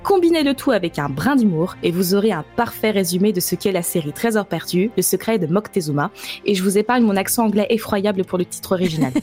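A woman's voice: mid-range voice, lively intonation, fast, darkish tone, soft background music. A woman columnist on a podcast, playful and laughing often, reading her review with expression. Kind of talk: podcast chat and scripted review.

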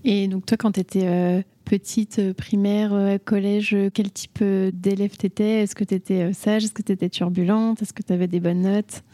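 A woman's voice: medium pitch, level tone, moderate pace, hardly any pauses, mellow, dry recording. A woman hosting a podcast interview, speaking with many hesitant fillers, recorded in a coworking space. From Brittany. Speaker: podcast host. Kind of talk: conversational interview.

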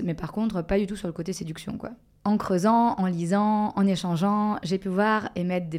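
A woman talks as a guest on a podcast, her voice sitting a little low. She thinks aloud, circling back and restarting her sentences with many fillers as she works out what she means. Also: a little mellow. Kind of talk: casual podcast conversation.

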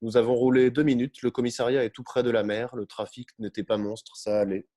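Male narrator for a first-person novel; warm, mid-pitched, measured and unhurried delivery. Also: level tone.

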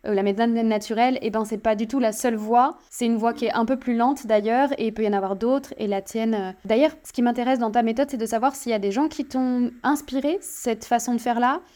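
A woman hosts a podcast, asking questions in a fairly high, mellow voice. She talks eagerly in long, flowing sentences. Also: steady tone, a little fast, few pauses. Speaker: podcast host. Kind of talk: interview questions.

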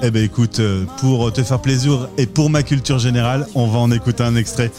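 A man hosting a radio interview, asking relaxed and teasing questions. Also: mid-range voice, brisk, over music. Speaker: radio host.

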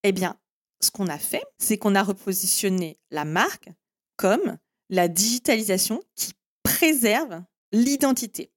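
A woman's voice: mid-range voice, animated, measured pace. A woman hosting a solo marketing podcast, explaining step by step in a direct way and giving listeners firm instructions. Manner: direct, explanatory, with frequent "en fait" and "eh bien".

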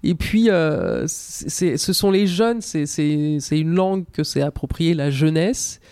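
A woman's voice: low voice, animated, unhurried, dark tone, dry recording, studio quality. A woman speaking as a podcast guest, thoughtful and hesitant, often restarting her sentences. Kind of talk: podcast interview.

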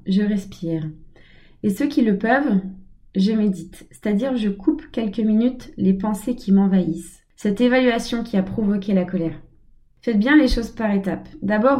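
A woman giving a calm, measured self-help talk, speaking in short repeated phrases. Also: mid-range voice. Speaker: personal development speaker.

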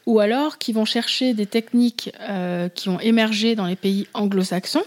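A woman, a business founder, explaining her views in a relaxed conversation, measured and hesitant. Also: mid-range voice. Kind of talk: casual conversational interview.

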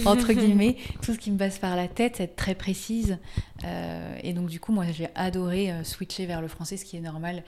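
A woman hosts a relaxed conversational interview, often searching for her words and circling back before landing her question. Her voice sits on the lower side and sounds mellow and warm. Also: moderate pace, a little hiss or hum. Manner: rambling, hesitant questions full of fillers. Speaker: interviewer and fellow yoga teacher.

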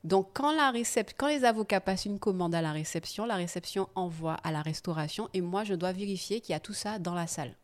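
Lively woman telling her story. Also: mid-range voice, brisk, hardly any pauses. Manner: lively, laughing, animated when telling anecdotes. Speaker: podcast guest. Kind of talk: casual storytelling interview.

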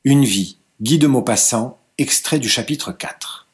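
A man reads a classic novel aloud in a medium-pitched voice. His delivery is measured and unhurried, storybook-style. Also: soft background music. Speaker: reader.

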